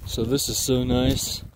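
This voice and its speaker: A man's voice: mid-range voice, noisy background. A man vlogging casually on a forest trail, rambling with many fillers. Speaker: thru-hiker vlogger.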